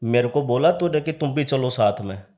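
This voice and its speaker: A man's voice: medium pitch, expressive, normal speed, a little mellow, close to an everyday voice. A man voicing Bhairav, a scolding fierce deity. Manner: scolding, commanding. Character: fierce male deity Bhairav possessing a disciple, growling.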